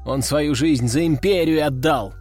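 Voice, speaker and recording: A man's voice: a little high, measured pace, a little mellow, soft background music. Man reading a weary, stern mother. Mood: reproachful. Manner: reproachful. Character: worried middle-aged mother, stern and weary.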